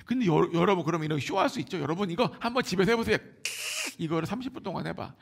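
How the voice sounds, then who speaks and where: A man with a Seoul Korean accent preaching a Sunday sermon, moving between hushed near-whispers and loud exclamations. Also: high-pitched, animated, racing, gravelly, slightly rough. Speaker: pastor.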